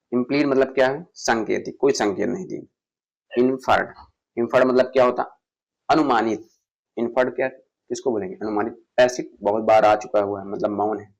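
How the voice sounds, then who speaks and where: A man's voice: medium pitch, darkish tone, low-quality recording. A man teaching an exam-prep vocabulary lesson, asking questions and answering them himself, repeating each word. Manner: asks and answers his own questions, repeats words.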